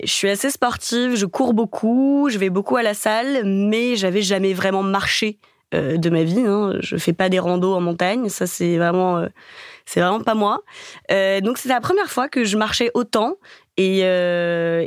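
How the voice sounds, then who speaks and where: A woman's voice: medium pitch, normal speed, no echo. A young woman chats candidly as a podcast guest, her speech full of little hesitations. Her voice sits in a middling register. The recording is dry and close, with no room sound. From Paris, France. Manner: candid, chatty, many fillers. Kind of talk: casual interview chat.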